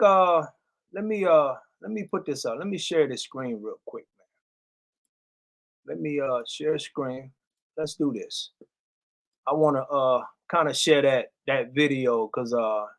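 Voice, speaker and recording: A man's voice: fairly high pitch, fairly bright tone. Rambling man hosting a live stream. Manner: loose, rambling, many fillers. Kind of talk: casual live stream chat. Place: home music studio.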